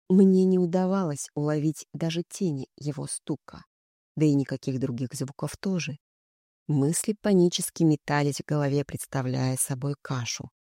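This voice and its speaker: An audiobook reader tells a first-person story in measured, scripted narration. The tone is dark and mellow, and the recording is close and dry with no room sound. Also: medium pitch, no room sound.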